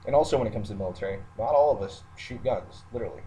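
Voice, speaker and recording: Racing along in a fairly low, dark-toned voice, a man who works in the military rants unscripted to his online video audience, matter-of-fact yet hesitating as he thinks aloud. It's a low-quality recording with background noise and a roommate nearby.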